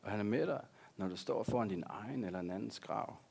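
A man's voice: fairly low pitch, creaky, darkish tone, breathy edge. A man, a pastor, preaching a sermon in an earnest way, repeating key words for emphasis.

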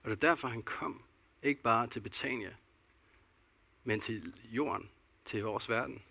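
Gravelly-voiced man preaching a sermon. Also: mid-range voice, pushed and bright. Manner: earnest preaching with rhetorical questions and repetitions. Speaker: pastor.

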